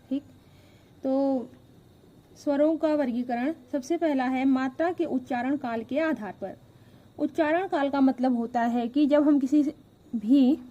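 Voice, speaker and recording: A woman's voice: high-pitched, dark tone, highs cut off. A woman teaching a grammar lesson step by step, asking questions and then answering them herself. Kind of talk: classroom-style grammar lesson.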